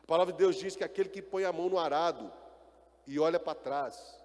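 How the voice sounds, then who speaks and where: Emphatic Brazilian-style pastor in echoing hall. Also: male voice, a little high, quick pace, a little mellow. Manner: preaching with call-and-response and rising emphatic bursts. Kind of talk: sermon.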